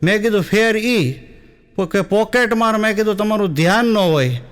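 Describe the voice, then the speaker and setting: A man's voice: high-pitched, moderate pace, clear, resonant tone. A young man with a Gujarati accent, telling comic stories on stage and acting out the dialogue. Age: young adult. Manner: storytelling with quoted dialogue, sung wedding song snippets. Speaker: stand-up comedian.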